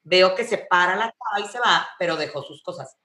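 A woman's voice: lowish voice, a little fast, echoey room. A woman with a Mexican accent, telling stories in a casual, slangy chat and acting out the people in them. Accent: Mexican Spanish. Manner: slangy, animated storytelling with swearing.

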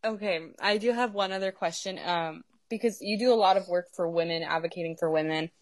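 A woman's voice: lowish voice, fairly quick, dry recording. A woman hosting an interview, asking long, rambling questions. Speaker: interview host. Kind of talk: casual interview chat.

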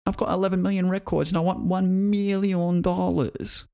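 A man voicing a sheepish young boy who confesses to hacking, in a high, hushed voice. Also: level tone, normal speed, vocal fry, clean tone.

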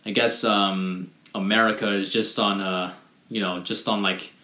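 A man's voice: fairly low pitch, flat delivery, a little slow, sharp tone. A young man hosting a casual solo podcast, rambling with lots of fillers and restarts. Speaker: podcast host. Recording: echoey room.

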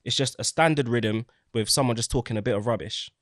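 Man, London roadman accent, quick and argumentative, casual panel talk, dry close sound. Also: mid-range voice, no echo. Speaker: music artist. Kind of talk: animated group discussion.

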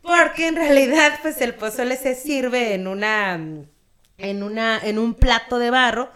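A woman's voice: a little high, a little slow, a bit bright. A woman from Guerrero with a Mexican accent, chatting casually as a podcast guest. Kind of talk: casual chat.

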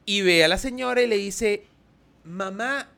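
A man in his thirties with a Venezuelan Spanish accent, co-hosting a casual podcast and telling stories in an animated way, laughing often. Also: high-pitched, measured pace, creaky, clear, resonant tone. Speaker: podcast co-host. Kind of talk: casual chat.

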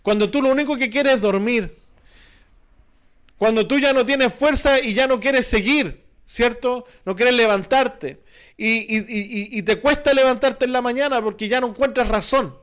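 A man with a Chilean Spanish accent preaches to his congregation. His voice sits very high, and he presses his points earnestly, circling back with repeated phrases and rhetorical questions. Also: moderate pace, fairly bright tone. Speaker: pastor. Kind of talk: sermon.

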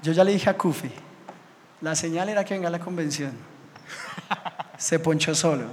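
A high-voiced pastor preaches to a congregation and tells his stories with lively sound effects. His voice carries a long reverb from a large hall. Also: moderate pace, a little hiss or hum. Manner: animated storytelling, acts out scenes with sound effects. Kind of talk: sermon.

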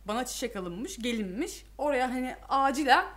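A woman's voice: high-pitched, expressive, a little fast, fairly bright tone. A young woman co-hosting a podcast, telling stories with frequent laughter and defending herself in casual chat. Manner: laughing, self-defending storyteller. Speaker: podcast co-host.

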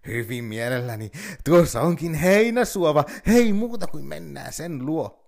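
A man's voice: a little high, very animated, gravelly, darkish tone, voice pushed up. A man doing a sly, coaxing fox. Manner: coaxing, mocking.

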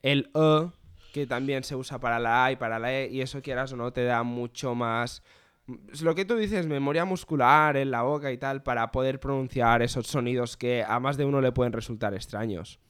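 Man, interviewer, chatty, crisp voice, dry recording. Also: medium pitch, a bit bright, no room sound. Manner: chatty, quick to agree. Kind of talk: casual interview.

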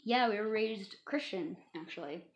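A woman's voice: medium pitch, lively intonation, moderate pace, slight background noise. A woman in her thirties from Iowa, a guest in a casual interview, chatty and playful, laughing often.

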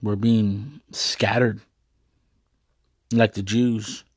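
A man's voice: fairly low pitch, little pitch movement, very slow, breathy edge, no room sound, studio quality. A man giving a rambling, earnest monologue to his viewers, full of hesitations and fillers. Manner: earnest, proud.

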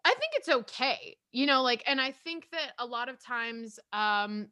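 A woman co-hosting a casual podcast, chatty and animated, rambling through opinions with lots of filler and restarts. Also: on the high side, measured pace, no echo, studio quality. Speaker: podcast co-host.

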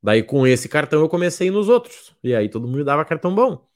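A man coaches his audience in a casual, blunt way. His voice sits a little high and moves up and down with animation. He keeps slipping into mocking imitations of his students. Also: big pitch swings, fast talker. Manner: blunt, jokey, acts out students' lines. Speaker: miles program mentor. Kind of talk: casual motivational talk.

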